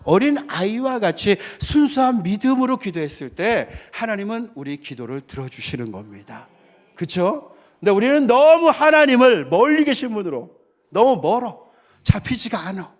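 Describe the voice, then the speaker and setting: A man who is a missionary pastor, preaching a sermon in a conversational way and often checking that his listeners agree. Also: high-pitched. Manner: conversational, keeps asking the congregation to agree; tells stories and acts out the characters.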